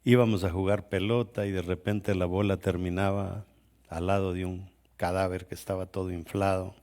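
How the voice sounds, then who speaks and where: Low-voiced Salvadoran-born pastor preaching. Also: male voice, little pitch movement, normal speed, a little mellow. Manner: conversational storytelling, frequent restarts. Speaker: guest pastor. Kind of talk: sermon testimony.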